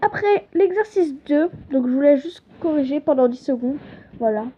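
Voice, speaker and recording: A young woman with a high voice teaches a casual lesson at home, chatty and a little hesitant, stopping to correct herself. The recording is dull and lo-fi. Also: lively intonation, normal speed. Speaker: channel host teaching an invented language.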